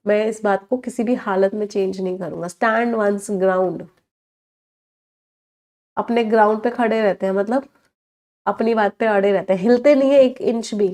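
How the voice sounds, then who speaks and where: In a medium-pitched, mellow voice, a woman with an Indian accent teaches exam-prep English vocabulary live online. She combines Hindi and English, asks the class questions, and says every English word slowly and drawn out.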